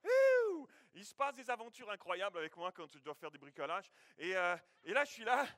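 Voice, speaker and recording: A man preaching as a pastor, telling a lively anecdote full of spoken sound effects and frequent restarts. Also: high voice, quick pace, no room sound. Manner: frequent restarts and repeated words. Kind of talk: sermon with a personal anecdote.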